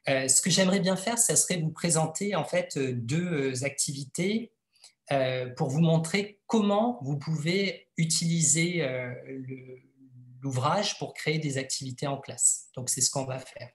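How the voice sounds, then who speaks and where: A man's voice: on the high side, a little slow. A man presenting his book in an educational webinar, speaking hesitantly with frequent filler sounds. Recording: echoey room.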